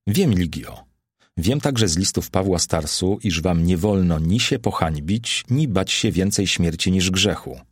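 A man voicing a gentle young freedwoman in an audiobook, soothing and questioning. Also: sits low, expressive, a little slow, breathy edge, no room sound, clean studio sound, heavily acted.

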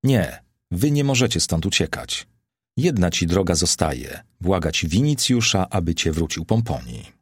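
A man voicing a gentle young freedwoman in an audiobook, soothing and questioning. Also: low voice, very animated, measured pace, breathy edge, no echo, exaggerated voice. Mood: pleading.

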